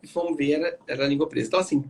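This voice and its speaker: Speaking from home on a video call, a Brazilian Portuguese-accented pediatrician is a guest in a casual live chat. He races through animated anecdotes in a creaky, fairly high voice, performing the mothers' lines himself.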